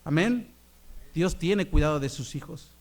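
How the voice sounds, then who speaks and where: A middle-aged man preaching a sermon as pastor, asking the congregation questions and answering them, swinging between loud emphatic peaks and soft asides. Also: on the high side, animated, a little slow.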